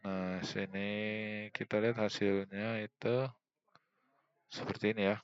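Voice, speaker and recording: A young man walks through a software tutorial, hesitant and full of fillers as he thinks aloud while clicking. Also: on the low side, level tone, a little slow, dry recording, dull audio. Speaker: student presenting a tutorial. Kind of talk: screen-recorded software tutorial.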